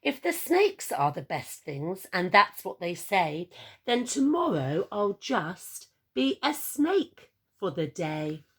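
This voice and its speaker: A woman's voice: medium pitch, sing-song, slow, a bit bright, husky, exaggerated voice. A woman reading a children's picture book, voicing an eager, boastful young male emu in an exclamatory, theatrical way. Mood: scheming.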